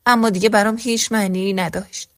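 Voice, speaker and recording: A woman reading a first-person story aloud as scripted narration, voicing every character in the same even narrating voice. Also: medium pitch, no echo, studio quality.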